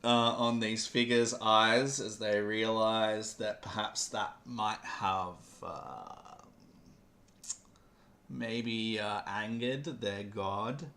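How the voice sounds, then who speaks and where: A man running a tabletop game as game master, explaining rules hesitantly with many pauses. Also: on the low side, fairly even intonation, sharp tone. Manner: hesitant, with frequent ums and pauses.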